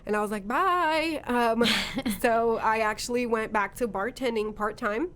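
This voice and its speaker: A woman's voice: on the high side, unhurried, a bit bright. A woman from Brazil, a guest on a podcast, telling her story in a chatty way with lots of "um" and "you know". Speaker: podcast guest, makeup artist. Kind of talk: casual chat.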